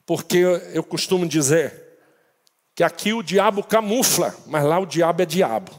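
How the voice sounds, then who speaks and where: Man, pastor, high voice, dramatic sermon storytelling, long church reverb. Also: animated, moderate pace. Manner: dramatic storytelling, swells to shouting at climaxes.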